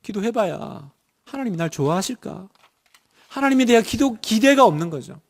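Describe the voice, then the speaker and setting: Middle-aged male pastor, sermon to congregation, fairly high voice, rhetorical questions, hushed tender asides. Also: lively intonation, a little fast. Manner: drops to a soft, hushed voice in tender moments. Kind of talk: sermon and closing prayer.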